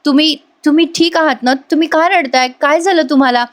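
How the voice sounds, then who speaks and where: Give me a woman playing a gentle, worried young man, pitched high. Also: fast, lightly acted. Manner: gently questioning.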